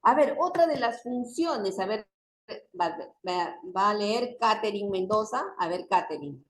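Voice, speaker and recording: A woman teaching an online university class, lively and often asking for agreement. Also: medium pitch, a little slow, roomy sound, slight background noise. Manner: animated, often asks for agreement.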